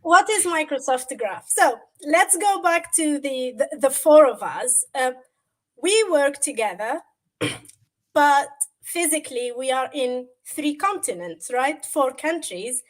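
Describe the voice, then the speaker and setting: A woman whose first language is Arabic guest-presents a tech topic on a livestream, speaking slowly in a high, expressive voice. She keeps it conversational, using everyday examples and many fillers.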